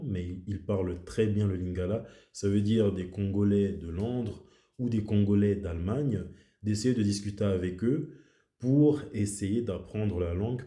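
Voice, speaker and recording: A man with a low, very dark and mellow voice talks through his thoughts in a casual, reflective way. He circles back and repeats himself for emphasis. The sound bounces around a noticeably echoey room. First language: French. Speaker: video host. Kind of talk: casual explanatory monologue.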